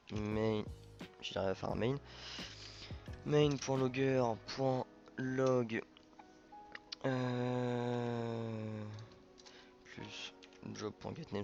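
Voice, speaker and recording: A man's voice: mid-range voice, gravelly, lo-fi sound. A man hosting a programming tutorial, thinking aloud informally with many fillers and self-corrections. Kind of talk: casual coding screencast narration.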